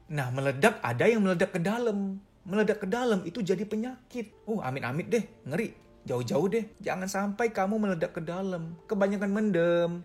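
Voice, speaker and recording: A man giving a casual psychology lecture, speaking in an animated, emphatic way with playful exaggeration and colloquial phrasing. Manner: colloquial, lively pitch swings.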